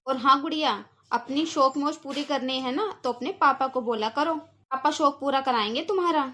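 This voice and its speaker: A sharp-tongued, stingy aunt, voiced by a woman for a cartoon, lecturing in a high voice. She talks down to her niece and her sister-in-law. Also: moderate pace. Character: stingy, scolding aunt by marriage. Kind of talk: cartoon voice acting.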